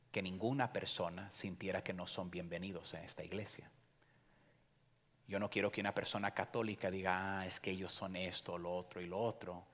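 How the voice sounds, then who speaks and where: A man preaching a sermon as pastor, moving between hushed storytelling and loud, emphatic exhortation, with English fillers dropped in. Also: low voice. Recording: long hall reverb.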